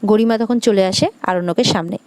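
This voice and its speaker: A woman narrating a TV serial episode in a steady storytelling way, quoting each line of the characters. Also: medium pitch, fairly quick, smooth, no echo. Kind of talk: retelling a TV serial episode with quoted dialogue.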